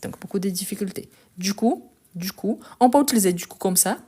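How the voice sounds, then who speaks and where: This French teacher has a husky, dark voice in the middle range. Speaking into a handheld phone during a live online class, she works through a text step by step, patiently and slowly, repeating herself and saying "donc" again and again.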